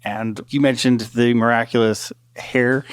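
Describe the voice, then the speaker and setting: A man's voice: medium pitch, fairly even intonation, unhurried, smooth, no room sound, studio quality. A man hosting a podcast interview, asking questions enthusiastically. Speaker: podcast host.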